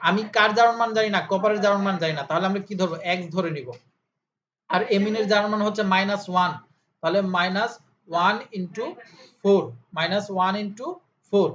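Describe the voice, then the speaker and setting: A man with a high, fairly bright voice tutors chemistry informally, keeping a steady tone at a slightly fast pace. He asks questions only to answer them himself and drills key terms repeatedly. Slightly dull audio, faint hiss.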